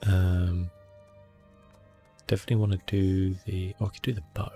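A gaming video host murmurs low and hushed, his voice carrying a gravelly creak, as he offers relaxed ASMR gameplay commentary at normal speed. He often drifts toward a whisper while faint music plays underneath.

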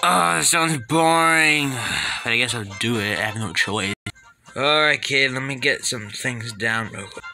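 A brooding male hedgehog, acted by a man who grumbles and sulks through every line in a plain mid-range voice. He sounds reluctant and put-upon, with a sullen edge. Music plays clearly behind him. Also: mid-range voice, a little slow, pushed and bright, exaggerated voice. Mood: grumbling. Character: gloomy sulky male hedgehog. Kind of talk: plush toy skit acting. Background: background music.

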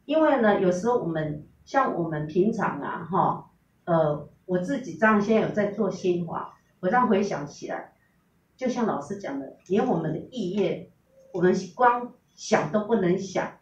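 A woman's voice: mid-range voice, animated, moderate pace, slight background noise. A middle-aged woman, earnestly telling a personal story and quoting the dialogue. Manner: earnest, recounting with quoted dialogue. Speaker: testimonial speaker. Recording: roomy, distant, dull recording.

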